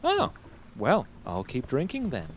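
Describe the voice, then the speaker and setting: A man's voice: medium pitch, wildly swooping pitch, unhurried, a little hiss or hum. A man playing a joking, tipsy teenage boyfriend in a radio drama.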